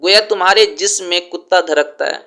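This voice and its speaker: A man's voice: high-pitched, pushed and bright. A man voicing a strict aunt who keeps correcting her niece's pronunciation, stretching out sounds to stress them. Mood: lecturing. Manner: stern, corrective, drawn-out emphasis on sounds.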